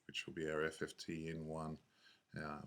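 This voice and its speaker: A man with a low, flat voice narrates an unscripted software screencast as the instructor, thinking aloud in a halting way and correcting himself.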